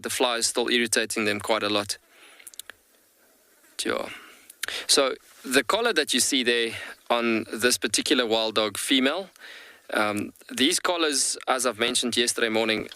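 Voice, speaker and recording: A man hosting a live wildlife safari, commentating on what is in view in a halting, repetitive way. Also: mid-range voice, bright, forceful tone, clear, resonant tone, no echo. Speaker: wildlife safari guide host.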